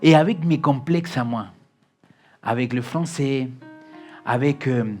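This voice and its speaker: Argentine-accented preacher swinging loud to hushed. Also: male voice, medium pitch, takes it slowly, faint music behind. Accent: Argentine Spanish. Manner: dramatic, swings from loud emphasis to hushed confession. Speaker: pastor. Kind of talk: emotional storytelling sermon.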